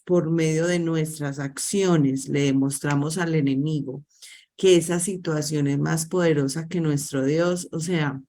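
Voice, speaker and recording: A woman's voice: sits low, a little mellow. A Colombian woman hosting a spiritual talk, exhorting her listeners in a preacherly way. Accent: Colombian Spanish. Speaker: host.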